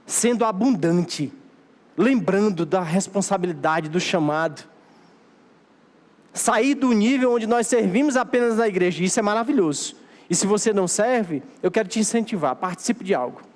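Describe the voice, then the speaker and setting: A man's voice: high voice, expressive, moderate pace. A Brazilian Portuguese-speaking man preaching a sermon as pastor, exhorting his church in a repeating, emphatic cadence. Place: church sanctuary. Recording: long hall reverb of a church.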